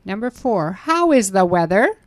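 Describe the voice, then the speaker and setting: A woman reading English lesson prompts slowly and with clear, careful enunciation. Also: medium pitch, big pitch swings, dry recording. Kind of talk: scripted language lesson dialogue.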